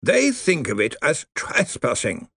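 Guy putting on a creaky dead lawyer, slow and grave, kinda high and soft. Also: huge pitch swings, no echo, heavily acted. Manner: slow, measured, crackly. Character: crackling zombie male lawyer, grave and dry.

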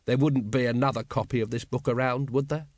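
A man voicing a weary, hungover middle-aged male watch captain, dry and deadpan. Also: medium pitch, fairly quick, no echo, close to an everyday voice.

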